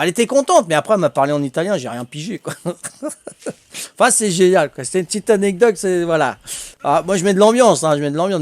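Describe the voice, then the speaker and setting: Older guy streaming, yarns away and chuckles at his own stories, pretty high voice, dry close sound. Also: no room sound. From Corsica. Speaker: game streamer. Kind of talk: casual storytelling to stream viewers.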